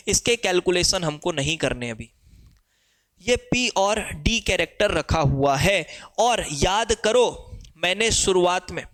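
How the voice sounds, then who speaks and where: Young Indian male chemistry tutor with a high voice, code-switches Hindi and English, dictates rules slowly. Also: fairly bright tone. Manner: answers imagined student questions himself. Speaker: chemistry teacher. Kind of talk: exam-prep lecture.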